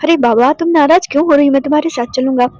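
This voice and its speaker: A woman voicing a calm, stubborn young man who speaks in a cool, teasing and firm way. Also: sits high, very fast, no echo, close to an everyday voice. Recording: dull, dry lo-fi voice recording.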